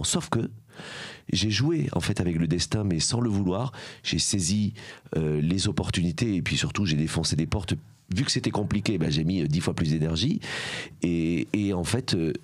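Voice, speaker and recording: A man's voice: deep voice, husky, no room sound. A middle-aged man from Aveyron with a southern French accent, telling his story as a podcast guest, reflective and full of hesitations. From Aveyron, southern France. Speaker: guest, association founder. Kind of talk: podcast conversation.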